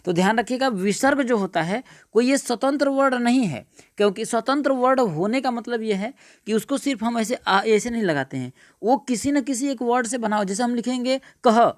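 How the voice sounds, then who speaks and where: A man's voice: extremely high pitch, animated, normal speed, no room sound, clean studio sound. A male teacher giving an exam-prep grammar lesson, repeating points and asking his friends rhetorical questions. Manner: repetitive, keeps asking "what is it, friends?".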